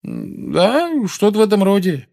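A man voicing a nervous, hot-tempered teenage boy who shouts in agitation. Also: sits high, wildly swooping pitch, unhurried, vocal fry, voice pushed up, full character voice.

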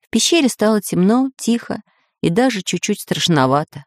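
A woman reading a children's adventure story aloud with expressive narration. Her voice sits mid-pitch. The recording is dry and close. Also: moderate pace, no echo.

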